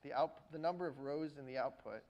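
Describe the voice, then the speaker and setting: A university lecturer giving a classroom lecture, explaining step by step and often pausing to check in with the students. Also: male voice, a little high, muffled recording. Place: lecture hall.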